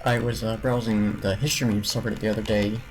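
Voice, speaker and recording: A man streaming a building game, giving casual commentary and rambling aloud with frequent restarts and soft trailing mutters. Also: fairly low pitch, level tone, fast, slight background noise, rough recording.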